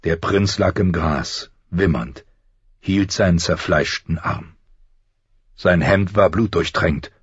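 A man narrating a fantasy novel in measured, dramatic storytelling. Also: deep voice, slightly rough, no echo, dull audio. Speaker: audiobook narrator. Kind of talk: scripted narration.

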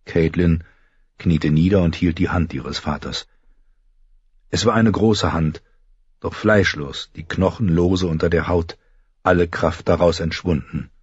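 A man narrating an audiobook in a calm, even storytelling manner. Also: deep voice, measured pace, slightly rough, dry recording, dull audio.

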